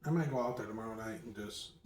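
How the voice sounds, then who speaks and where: A man hosting a casual chat, talking softly and teasing his friend, recorded on a phone across an echoey room. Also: on the low side, quick pace, recorded from a distance. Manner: soft-spoken, teasing. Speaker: host. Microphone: phone across the room, no mic.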